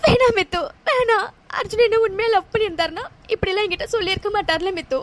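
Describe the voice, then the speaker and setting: A woman plays a grief-stricken young woman in a cartoon love story, weeping through every line. Her voice sits very high and keeps breaking as she repeats the same words. A faint background hiss runs under the recording. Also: fast. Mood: sobbing. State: crying. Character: young woman, heartbroken and sobbing. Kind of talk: cartoon drama voice acting.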